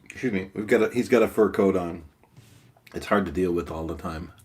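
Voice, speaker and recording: Low deep voice guy, mukbang co-host, just chatting over food, kinda hesitant with pauses. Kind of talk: casual chat answering viewer questions while eating.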